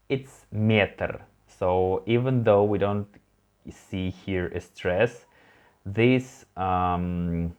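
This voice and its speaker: A man's voice: low-pitched, a little mellow, dull audio. A man teaching a beginner language lesson online, patiently prompting a learner to repeat words and encouraging them.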